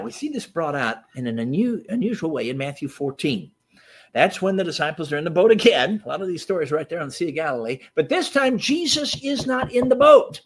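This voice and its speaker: A man preaching a sermon to a seated audience, animated, laughing often and swinging from quiet asides to shouted lines. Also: high voice. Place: church or meeting hall with seated audience.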